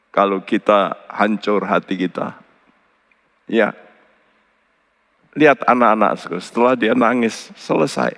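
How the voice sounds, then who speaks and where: A middle-aged man preaching a sermon as pastor, animated, often jumping to high emphatic outbursts. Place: large church hall. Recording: church service with long hall reverb.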